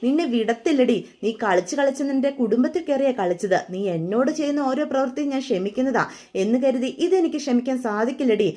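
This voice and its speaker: A woman's voice: high-pitched, animated, quick pace, mellow. A woman voicing an angry young husband hurling accusations at his wife. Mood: furious.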